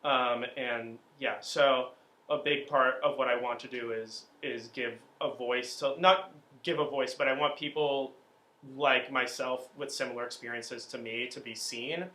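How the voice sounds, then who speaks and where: Bright-voiced young man, echoey room. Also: mid-range voice, steady tone, measured pace. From Miami, Florida. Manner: reflective, loose, many fillers and restarts. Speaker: theatre student and singer-songwriter. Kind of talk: casual sit-down interview.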